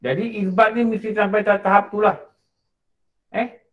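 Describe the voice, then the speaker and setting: A man's voice: high voice, fairly even intonation, moderate pace, phone-quality sound. A Malaysian man teaching a morning lecture in a prayer hall, telling stories in casual speech and acting out the dialogue. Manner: colloquial storytelling, acts out dialogue. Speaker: religious teacher. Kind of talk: mosque lecture.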